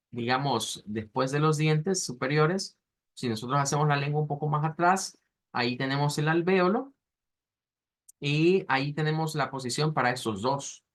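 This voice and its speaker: A man teaching a language class, explaining pronunciation slowly and patiently, with frequent fillers and restarts. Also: fairly high pitch. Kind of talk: online class lecture.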